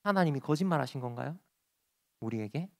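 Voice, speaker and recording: A man preaching a sermon as pastor, acting out pleading prayers and dropping from loud to soft. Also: medium pitch, lively intonation, a little fast, vocal fry. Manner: acts out pleading prayers in quoted voices, swings loud and soft. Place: church sanctuary.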